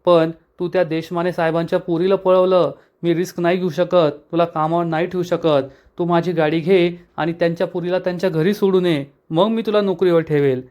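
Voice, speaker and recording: A man's voice: fairly high pitch, steady tone, a little fast, few pauses, darkish tone, lightly acted. A man voicing an older male employer who dismisses his worker, in a read serial recap. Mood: firm.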